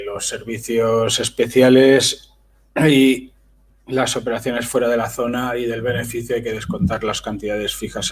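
Man, breathy, mid-pitched, reads lists of figures, short asides. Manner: list-like reading with brief asides. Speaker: channel host. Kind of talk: reading handwritten documents aloud. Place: voice-over on a screen recording.

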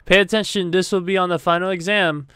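A man's voice: sits high, steady tone, fast talker, bright, forceful tone, clean tone, no room sound, clean studio sound. A man reading out the lines of a stern schoolteacher lecturing a class. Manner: formal, instructing.

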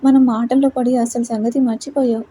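A woman voicing a gentle, thoughtful young wife who speaks respectfully and reasons things out aloud. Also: fairly high pitch, level tone, a little fast, slight background noise, natural voice. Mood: earnest.

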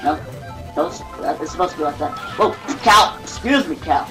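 A man's voice: on the high side, expressive, over music, low-quality recording. A young man chatting casually and joking while playing a racing game with his cousin. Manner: joking, rambling, quick laughs. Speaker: gamer recording a video. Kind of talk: casual gameplay chat.

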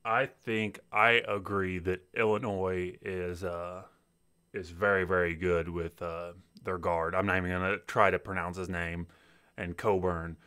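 A man's voice: low voice, level tone, a little slow, bright, forceful tone, clear, resonant tone. A man co-hosting a casual sports podcast, laid-back with frequent fillers and easy laughs. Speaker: podcast co-host.

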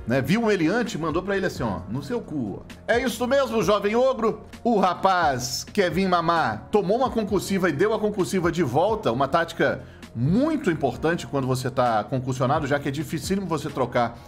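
A man with a Brazilian Portuguese accent calls game footage like a mock sportscaster, jokey and animated. His voice sits somewhat high for a man. Faint music plays underneath. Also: a little fast. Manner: joking, playful, animated play-by-play. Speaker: gameplay commentator.

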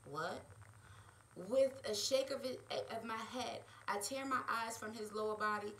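A woman author reading her own romance novel aloud in a steady, expressive way. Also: a little high, normal speed, slight background noise, low-quality recording.

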